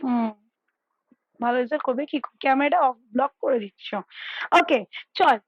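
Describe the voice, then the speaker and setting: A woman's voice: high-pitched, moderate pace, highs cut off, a little hiss or hum. A woman tutoring math over a call on headphones at home, explaining step by step and checking whether her student understands.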